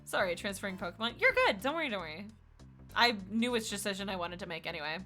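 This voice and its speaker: A young woman streaming a visual novel, chatting casually with slangy, animated asides while reading lines aloud. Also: medium pitch, fast, soft background music.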